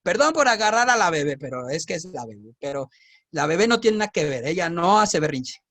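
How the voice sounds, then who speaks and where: A man with a Mexican accent, teaching scripture in a casual, lively style and often asking his listeners rhetorical questions. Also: a little high, brisk. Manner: animated, asks the audience rhetorical questions.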